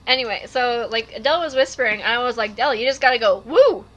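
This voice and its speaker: A woman's voice: a little high, racing, dull audio, heavy background noise. A woman co-hosting a casual podcast, playful and jokey, repeating her catchphrases. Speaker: podcast co-host.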